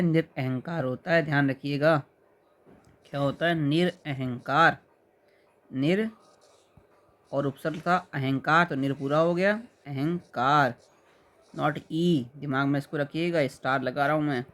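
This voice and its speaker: Man teaching spelling, fairly high voice. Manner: explains patiently, repeats words slowly and checks understanding. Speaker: exam prep teacher. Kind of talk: spelling lesson for exam students.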